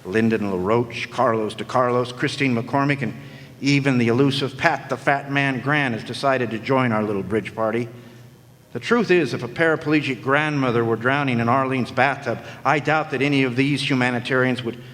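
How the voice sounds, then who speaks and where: Performing live in a hall, a man lightly acts an old-time radio noir private eye, narrating in first person with jaded, sardonic slang. His medium-pitched, fairly bright voice keeps a moderate pace, and the recording is echoey with some background noise.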